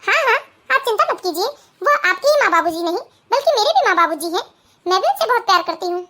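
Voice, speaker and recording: A gentle young newlywed from an animated family tale, as a woman plays her, soft and eager to please. The voice is very high and bright. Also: quick pace, exaggerated voice. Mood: meek. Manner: soft, obliging, hesitant. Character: meek, simple young new bride.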